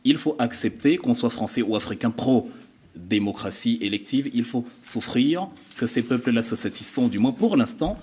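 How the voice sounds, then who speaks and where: A man arguing his position as a guest on a televised panel debate, pausing now and then to search for words. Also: mid-range voice, expressive, darkish tone, breathy edge. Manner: argumentative, pauses to search for words.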